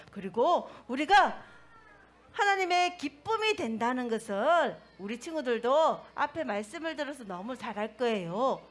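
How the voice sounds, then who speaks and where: Woman, children's pastor, toddler sermon, high voice, very lively pitch, asks questions.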